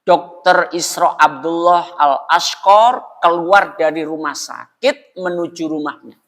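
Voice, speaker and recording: A man's voice: sits high, sharp tone, long reverb tail. A man preaching in a prayer room, talking conversationally, asking the congregation questions and laughing often. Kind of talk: mosque sermon.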